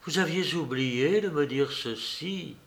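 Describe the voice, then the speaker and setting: Soft composed woman figure, read by a man, slow and measured. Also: fairly high pitch, expressive, exaggerated voice. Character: composed foreign woman under accusation.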